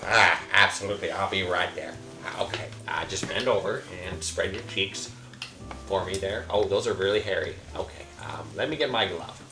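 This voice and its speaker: A man's voice: sits low, normal speed, pushed and bright. A man voicing an eager, clumsy doctor who talks fussily with hesitant ah's. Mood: fussy. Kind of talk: improv comedy. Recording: echoey room, faint music.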